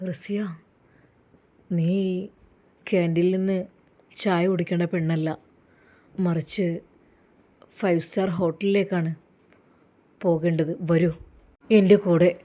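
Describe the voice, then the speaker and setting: Wheedling low-voiced male villain, put on by a woman narrator, storybook. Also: fairly even intonation, takes it slowly, long pauses, mellow. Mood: coaxing. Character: lecherous scheming man, smooth-talking villain.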